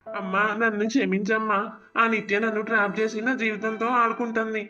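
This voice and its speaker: A man's voice: high-pitched, flat delivery, a little fast, bright, forceful tone, muffled recording, faint music behind. A man voicing a guilty young husband in a cartoon, pleading and defensive. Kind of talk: cartoon voice acting.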